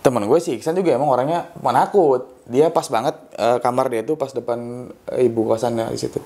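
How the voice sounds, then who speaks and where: A young man with telling a ghost story in a casual, loose way, often pausing with hesitations. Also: mid-range voice, steady tone, mellow. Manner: loose and rambling, with frequent hesitations. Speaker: guest storyteller.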